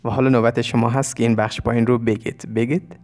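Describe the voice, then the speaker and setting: A man whose first language is Persian, teaching an English lesson, saying English lines slowly and explaining them. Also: medium pitch, little pitch movement, darkish tone, soft background music.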